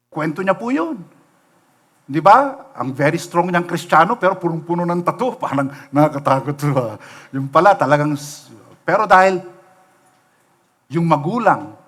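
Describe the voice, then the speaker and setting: A middle-aged pastor from the Philippines preaches a livestreamed sermon in a church sanctuary, his voice high-pitched and fairly bright. He tells stories, poses rhetorical questions to the congregation, and slips in English phrases.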